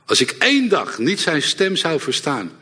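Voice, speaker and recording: A middle-aged man preaching a sermon to a congregation, lively and direct, often checking in with the audience. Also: fairly high pitch, normal speed, slightly rough. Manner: lively, engages audience with repeated "ja?". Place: church hall before a congregation. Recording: long hall reverb.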